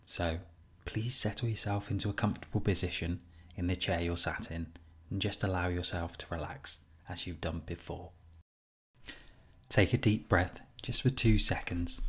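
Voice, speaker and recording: Low-voiced man guiding a meditation. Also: slightly rough. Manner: gentle, soothing, unhurried instruction with pauses. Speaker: meditation teacher. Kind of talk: guided compassion meditation.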